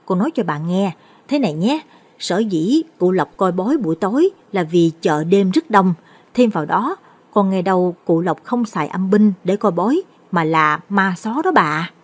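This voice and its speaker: A woman voicing a chatty young female tea-stall seller, eager and gossipy, with a breathy voice. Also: lowish voice, animated, moderate pace. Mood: hushed. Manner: eager, gossipy, hushed when confiding.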